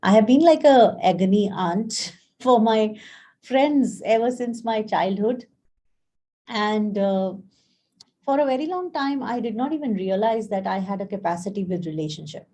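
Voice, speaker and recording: A woman's voice: mid-range voice, animated, measured pace, warm tone. A woman life coach talking casually on a live stream, telling stories and acting out the dialogue. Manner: chatty storyteller, acts out quoted dialogue; frequent fillers and restarts, friendly address to viewers.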